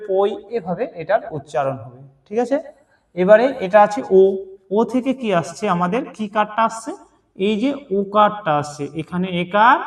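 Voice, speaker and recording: A man teaching Bengali vowel signs, asking a question and answering it himself, then chanting examples one after another. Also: high voice.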